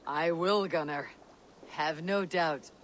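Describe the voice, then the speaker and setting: A man voicing a calm, plain-spoken Viking raider chief in video game dialogue. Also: a little high, slow pace, a little hiss or hum. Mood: steady. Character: male Viking raider chief, steady and proud.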